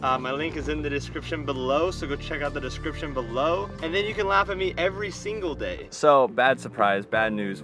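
A young man chatting casually and slangily to a handheld camera as a vlogger, with exuberant delivery. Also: medium pitch. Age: young adult. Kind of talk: casual vlog chat. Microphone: handheld camera at arm's length. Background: music.

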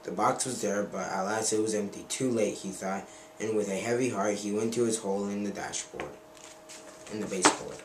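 A man's voice: lowish voice, flat delivery, fairly quick. A man reading a children's storybook aloud in an earnest way with small slips and self-corrections, recorded on a camcorder mic. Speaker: reader. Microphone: handheld camcorder mic. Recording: roomy, distant camera mic, faint noise.

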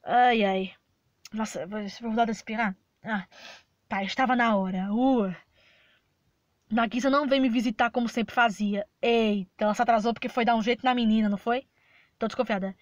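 Chatty high-voiced woman gamer. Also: fairly even intonation, moderate pace, no room sound, clean studio sound. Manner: chatty, reacting aloud with gasps and exclamations. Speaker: gameplay video host. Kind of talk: casual let's-play commentary.

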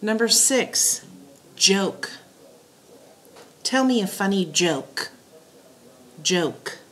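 A woman teacher dictating spelling words and sentences in a deliberate way, setting words apart and repeating them. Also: mid-range voice, lively intonation, fairly bright tone. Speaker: teacher giving a spelling test.

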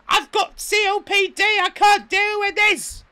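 A woman's voice: very high voice, voice pushed up, full character voice. A woman putting on a furious female hotel guest who shrieks complaints at a receptionist. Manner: shrieking, frantic yelling.

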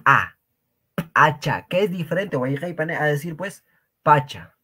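A man from Peru, teaching an online Quechua lesson and drilling pronunciation through slow repetition and rhetorical questions. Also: a little high, lively intonation, bright, forceful tone, breathy edge.

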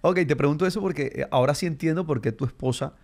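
A man hosts a casual interview, asking chatty, teasing questions. His voice is a touch high for a man. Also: fast, a little mellow. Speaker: interview host.

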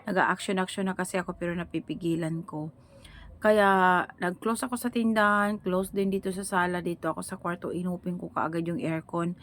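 A woman's voice: lowish voice, steady tone, normal speed. A middle-aged woman vlogger telling her viewers a long story in a rambling, conversational way, still sounding weak and tired after being ill.

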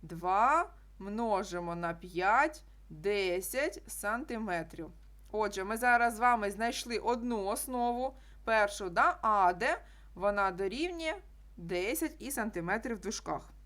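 A woman's voice: medium pitch, expressive, measured pace, a bit bright. A woman teacher explaining a geometry problem step by step, repeating key statements. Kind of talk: classroom math lesson.

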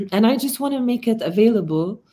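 She's an artist in her thirties, Palestinian and living in Amman, chatting casually as an interview guest on a video call from her home, using her laptop mic. With an Arabic accent, her warm, somewhat high voice is expressive at a normal speed, though she pauses thoughtfully, frequently searching for words.

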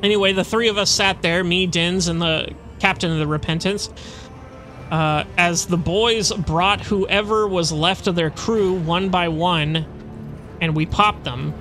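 A man's voice: high-pitched, fairly even intonation, a little slow, pushed and bright, soft background music. A man voicing a nostalgic, cold-blooded old crew mate from a game, telling stories in a rambling way. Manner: rambling storyteller.

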